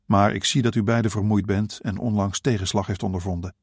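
A broad, bearded boatman in a storybook reading, plain-spoken and kindly, a touch louder than the narration, as a male reader voices him. The voice is low and dry. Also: steady tone, a little fast, husky, dry recording. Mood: matter-of-fact. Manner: matter-of-fact, reassuring. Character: burly middle-aged bearded boatman, kindly and practical.

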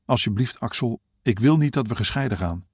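A man voicing a frail elderly wife who softly pleads not to be separated from her husband. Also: medium pitch, lively intonation, brisk, slightly rough, no room sound, studio quality. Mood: anxious. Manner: pleading, soft.

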